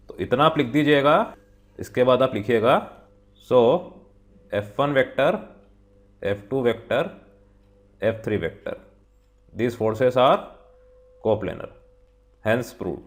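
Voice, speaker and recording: A man teaching physics in a step-by-step lesson, patiently explaining each point to his students and slowly reading out the problem. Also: mid-range voice. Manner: slow, patient, talks the viewer through each step; reads the question text slowly, word by word. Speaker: physics tutor. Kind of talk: whiteboard lesson, mixing Hindi and English.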